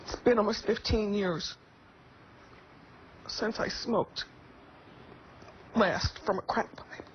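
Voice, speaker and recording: A woman talk show host giving an earnest, measured personal testimony. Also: medium pitch, steady tone. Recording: dull muffled audio with faint noise.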